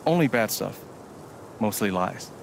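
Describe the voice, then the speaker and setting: A man's voice: on the low side, expressive, unhurried, gravelly, slight background noise. An actor playing a young adult man who jokes with and teases his sibling in easy banter. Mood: playful. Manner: joking and teasing, warm banter. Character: teasing, goofy young adult brother. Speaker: older brother.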